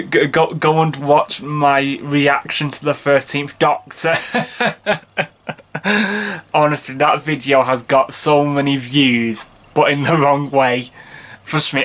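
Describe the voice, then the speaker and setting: A man's voice: mid-range voice, fairly bright tone. Young guy, early twenties, chatting away on his vlog, keeps saying you know, stumbles and restarts, heartfelt. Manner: earnest, heartfelt fan enthusiasm. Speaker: vlogger, channel host. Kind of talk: casual fan vlog chat.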